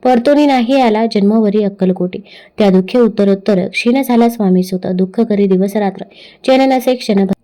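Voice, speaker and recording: Mellow woman reciting devotional verse. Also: mid-range voice, normal speed. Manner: steady recited verse cadence. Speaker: scripture reader.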